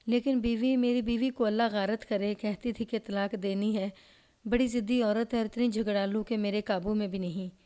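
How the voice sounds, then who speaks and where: A grieving older father, voiced by a woman narrator in a storybook crime tale, lamenting and complaining. The voice stays close to a plain reading voice at a mid pitch. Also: steady tone, warm tone, close to an everyday voice.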